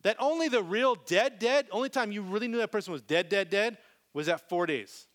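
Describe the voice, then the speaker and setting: Brief: male pastor, live sermon, animated delivery with big swings in loudness, fairly high voice. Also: brisk. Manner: animated, swings from loud to very soft.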